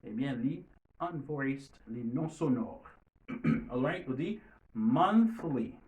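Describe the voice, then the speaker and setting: A man teaching English pronunciation, repeating each drill word slowly and loudly. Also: mid-range voice, lively intonation, far from the mic. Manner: repeats drill words loudly and slowly, mixes French and Creole. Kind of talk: pronunciation lesson.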